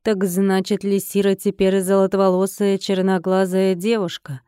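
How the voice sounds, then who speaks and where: A woman reading an audiobook and voicing a cold, commanding male mage lord who speaks in a calm, businesslike way. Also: mid-range voice, normal speed, no room sound, studio quality, natural voice.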